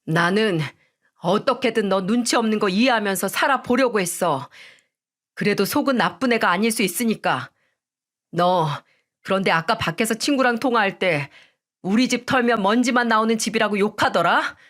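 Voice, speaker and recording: A woman's voice: mid-range voice, normal speed, a bit bright, close to an everyday voice. A resolute young son and lawyer, as a woman narrator voices him, speaking in short, decisive lines. The voice stays close to the storyteller's own, read in a story-reading manner. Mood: cold firmness. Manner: blunt, resolute.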